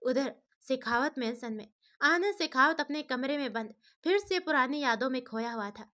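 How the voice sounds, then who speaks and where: High-voiced woman reading a story. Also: moderate pace. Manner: steady storytelling. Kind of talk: read family story narration.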